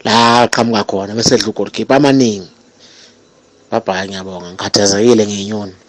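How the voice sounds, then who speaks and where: A man's voice: on the low side, fairly even intonation, fast. A man talking casually about football.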